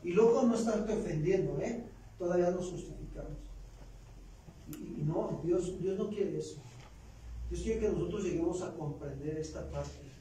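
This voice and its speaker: A man's voice: sits high, normal speed, mellow, slight background noise. A man with a Mexican Spanish accent preaching a sermon, talking conversationally and tossing in rhetorical questions. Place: church. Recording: very echoey church room, voice from far off.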